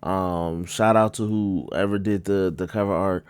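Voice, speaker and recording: A man giving a casual spoken album review, rambling with many fillers and restarts, and jumping up in pitch for emphasis. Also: fairly even intonation, measured pace, clear, resonant tone.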